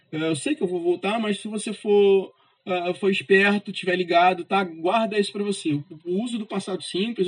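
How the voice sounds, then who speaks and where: Recorded roughly, this male English teacher has a high-pitched, slightly rough voice. His grammar lesson is relaxed, and he tacks a "tá?" onto almost every phrase as a check while emphasizing syllables of English sample words.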